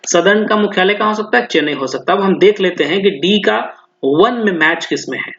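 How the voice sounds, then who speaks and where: A man's voice: sits high, brisk, fairly bright tone. Hindi-speaking man tutoring in a roomy echo. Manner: thinks aloud, repeats answers, addresses students directly. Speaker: exam tutor. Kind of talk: explanatory lesson, solving exam questions. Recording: roomy, dull lo-fi sound.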